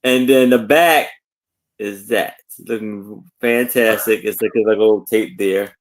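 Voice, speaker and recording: A man's voice: fairly low pitch, unhurried. A man chatting casually on a live stream, hesitant and often restarting his sentences.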